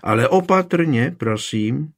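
A man reading the part of a witty young townswoman who mocks her guests playfully, raised in pitch for her. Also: sing-song. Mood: teasing. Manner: playful, mocking.

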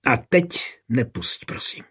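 A man playing a gruff, hot-tempered castle lord. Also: a bit bright, lightly acted. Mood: mocking. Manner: gruff, blunt.

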